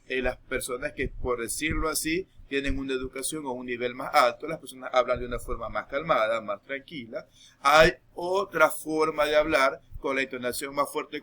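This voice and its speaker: A man teaching a recorded lesson, explaining patiently and checking understanding with quick asides. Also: mid-range voice, bright, forceful tone.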